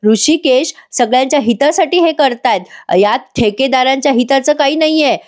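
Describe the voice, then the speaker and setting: A woman's voice: sits high, moderate pace, pitched above the performer's own voice, natural voice. Defiant young village woman, read by a woman. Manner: firm, defiant.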